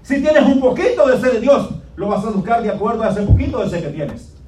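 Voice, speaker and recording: A man preaching an impassioned sermon, pressing his listeners with repeated cries that swing from hushed to loud. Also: very high voice, sing-song, a little fast. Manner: fervent, repetitive exhortation swinging between soft and loud. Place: church sanctuary. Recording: echoey church room, distant mic, background noise.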